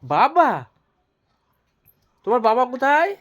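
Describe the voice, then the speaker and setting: A woman's voice: high-pitched, very animated, a little slow, lo-fi sound. A woman talking affectionately to a small child in cooing, teasing baby talk, asking singsong questions and repeating her words.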